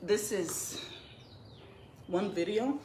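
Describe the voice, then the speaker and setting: A woman's voice: mid-range voice, drawn-out words, warm tone, a little hiss or hum. A woman telling her own story in a confessional vlog, earnest, emotional and emphatic. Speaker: vlogger telling her side of a breakup. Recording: echoey room.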